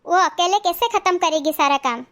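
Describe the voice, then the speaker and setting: A woman's voice: very high-pitched, brisk, a bit bright. A woman playing a chatty married daughter who is visiting her family home, in a comedy skit. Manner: chatty, coaxing.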